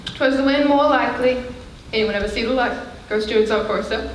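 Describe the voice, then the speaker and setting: A woman playing a brisk Yorkshire housemaid. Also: on the high side, a little hiss or hum, natural voice. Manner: brisk, down-to-earth dialect. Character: cheerful young Yorkshire housemaid. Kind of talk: live stage acting. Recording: echoey theater, mic far off.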